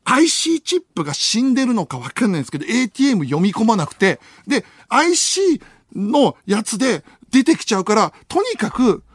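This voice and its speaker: A man hosts a late-night radio show from a dry, close-miked studio. His voice sits high and swings widely as he acts out a story, throwing in sound effects and laughter. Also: very animated, a little fast, breathy edge, no echo. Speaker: radio host. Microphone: studio microphone.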